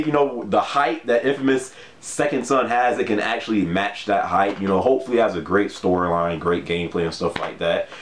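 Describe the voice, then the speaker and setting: Speaking on the low side in a roomy-sounding recording, a gaming vlogger talks casually to the camera about video games. He's easygoing, laughs frequently, and uses lots of fillers such as "you know."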